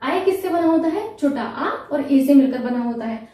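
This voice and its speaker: A woman's voice: sits high, expressive, moderate pace, warm tone, distant mic. A woman teaching a Hindi grammar lesson for exam preparation. She asks her students questions and answers them herself, patiently repeating the key terms. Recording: echoey room, voice away from the mic.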